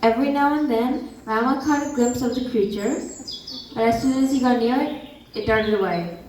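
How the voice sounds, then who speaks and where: A woman narrating a scripted story for a stage dance drama in a clear, even reading voice. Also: a little high, normal speed, slight background noise. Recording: echoey hall from far off, music behind.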